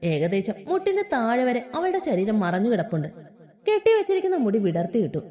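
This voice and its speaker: A woman narrating a romantic story, in an expressive, animated way. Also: fairly high pitch, a little fast, muffled recording.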